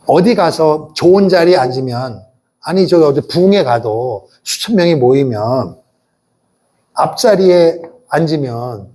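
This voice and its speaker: A middle-aged male pastor preaching a sermon, animated, asking the congregation questions and leading them in repeating phrases. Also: a little high. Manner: animated preaching with rhetorical questions and call-and-response.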